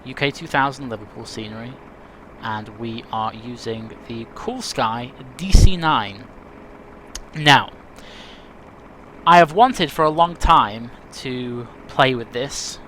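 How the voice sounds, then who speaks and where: A man talks casually to his viewers at a middling pitch, chatty and a little self-deprecating. Faint rain and birdsong sit behind his voice. He rambles and restarts now and then. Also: a little slow, fairly bright tone, a little hiss or hum. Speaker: flight sim video host. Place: home room with rain and birds heard outside.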